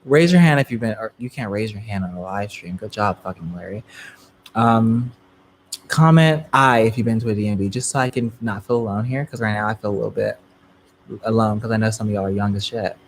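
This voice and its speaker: A man's voice: on the low side, fairly quick, a little hiss or hum. Chatty young man telling a story. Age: 20s. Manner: chatty, filler-heavy, frequent laughs, swings between loud and soft. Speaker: live stream storyteller. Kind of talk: casual storytelling to a live chat.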